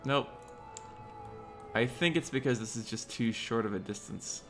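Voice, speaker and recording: A man streams a city-building game, hiccuping while he sets out roads and talks both to himself and to his chat. His medium-pitched voice is fairly bright and a little slow, backed by soft music.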